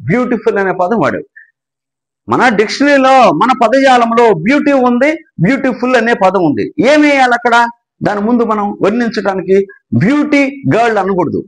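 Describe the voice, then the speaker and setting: A man with an Andhra Telugu accent teaching English grammar, asking questions and answering them himself, and slowing down to dictate definitions. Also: very high-pitched, a bit bright, poor audio. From Andhra Pradesh. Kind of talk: explanatory grammar lesson.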